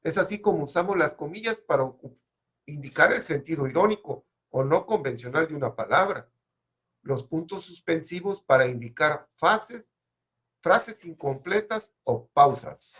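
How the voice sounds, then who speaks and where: A man giving an academic seminar presentation, measured and explanatory with occasional hesitations, on a dull lo-fi recording. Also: a little high, animated, fairly bright tone, slightly rough.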